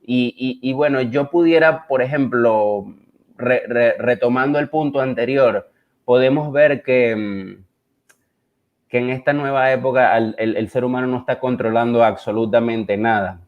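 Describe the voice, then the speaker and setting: Dull, lo-fi online audio carries a man's reflective talk about his own art. He speaks with a Caribbean Spanish accent in a mid-range voice at an ordinary pace, often pausing hesitantly as he hunts for the right words while presenting his work.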